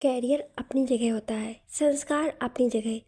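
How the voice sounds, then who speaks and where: Woman doing a stubborn young man, sulky, husky voice, storybook reading. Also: a little high, steady tone, a little slow, dark tone. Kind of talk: storybook narration.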